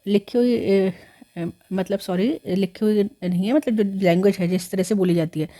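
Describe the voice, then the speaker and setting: A woman's voice: mid-range voice, steady tone, moderate pace, dark tone. A woman giving a history lesson, explaining step by step with many fillers and self-corrections, mixing English words into her talk. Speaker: history teacher. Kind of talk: explaining lecture.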